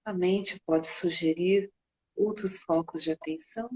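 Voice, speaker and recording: A Brazilian woman leading a guided meditation in a soft, breathy voice, gently and unhurriedly, with long pauses. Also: fairly low pitch, rough recording.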